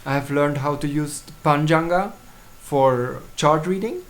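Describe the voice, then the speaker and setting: A Swiss man, a native German speaker, talks in English in a relaxed solo video promoting his astrology services. He often halts, using fillers and restarting. His pitch is fairly high.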